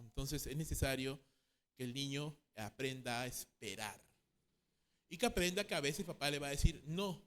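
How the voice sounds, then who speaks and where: A man teaching a Bible counseling class, tagging sentences with a questioning "no?", repeating key phrases and acting out quoted parents and children. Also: on the high side. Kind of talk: church class lecture.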